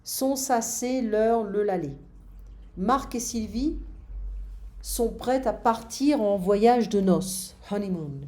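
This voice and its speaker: A woman teaches a French grammar lesson and drills each form one by one, slipping in brief English glosses. She speaks slowly, her tone warm and mellow. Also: mid-range voice. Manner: slow, patient drilling with short English glosses.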